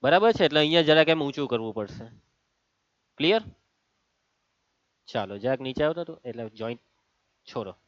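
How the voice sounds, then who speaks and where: A man's voice: medium pitch, expressive, fairly quick, pauses often, no room sound. A man teaching a maths class, chatty and teasing, calling on students by name as he goes. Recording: dull, lo-fi sound.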